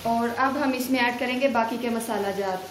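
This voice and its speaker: A woman's voice: a little high, moderate pace, echoey room, slight background noise, low-quality recording. A woman, a cooking channel host, talking through a recipe step by step in a voice-over. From Pakistan. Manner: steady step-by-step instructions.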